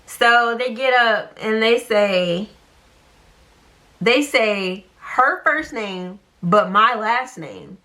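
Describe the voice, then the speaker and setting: A young woman telling a story casually, chatty and animated, full of fillers. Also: fairly high pitch, very slow. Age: young adult.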